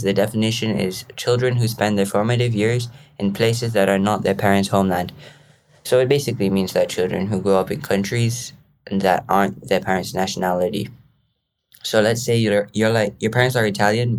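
Young male host from Malaysia: deep, loose and jokey, rambles casually. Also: fairly even intonation, moderate pace, a little hiss or hum. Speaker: podcast host. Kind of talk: casual podcast monologue.

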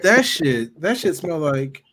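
Male co-host, higher register, very lively intonation, crude frat-bro slang, playful comedic riffing. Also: slow. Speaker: podcast co-host. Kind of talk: casual comedic chat about comic books.

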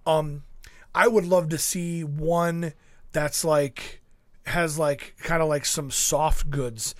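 A man's voice: a little high, steady tone, takes it slowly, no room sound. A man hosting a casual podcast, chatting loosely with many fillers and reading out listener questions. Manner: rambling, many fillers, laughs easily. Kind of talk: casual chat.

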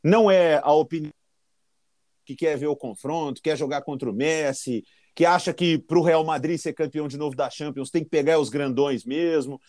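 A man's voice: fairly high pitch, moderate pace, a little mellow, no room sound, clean studio sound. A Brazilian man giving opinions on football in a casual podcast chat.

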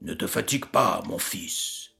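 A woman voicing a wise old father in a storybook reading, solemn and measured. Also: very deep voice, expressive, gravelly, bright, forceful tone, soft background music, voice pushed down, heavily acted.

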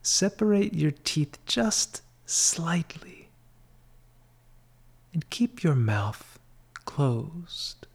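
This guided meditation comes from a man whose voice is slightly high and swings widely in pitch. He keeps it soft, breathy, and half-whispered in a spa manner, soothing and unhurried, pausing at length after each short phrase.

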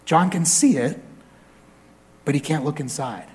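A man's voice: fairly high pitch, measured pace. A man preaching a sermon as a pastor in a church. He reads scripture aloud expressively and mixes in humorous, conversational asides.

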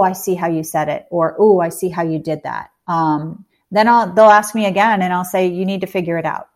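A woman's voice: on the low side, a little mellow. A woman guest in a casual business interview, talking conversationally with fillers and emphatic stretches.

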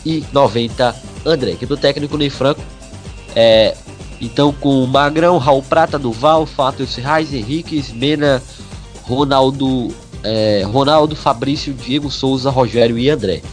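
A Brazilian man working as a radio match reporter, reading out team line-ups in a halting, list-like way and correcting himself as he goes. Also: mid-range voice.

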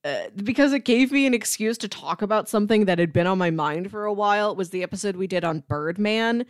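A woman co-hosts a podcast in a relaxed, conversational chat. Her medium-pitched voice is expressive and brisk, captured in studio quality with no room sound.

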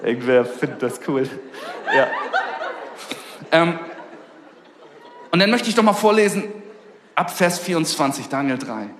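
A man's voice: on the high side, very animated, measured pace, long pauses, crowd noise. A man preaching a sermon in a casual, slangy storytelling way, fervent about his message. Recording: echoey hall with long reverb.

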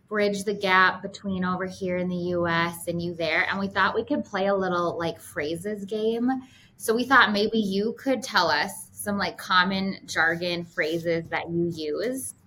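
A Minnesota woman co-hosts a casual podcast, chatty and upbeat with plenty of fillers. Her voice is medium-pitched and a bit bright, with faint background noise in the recording.

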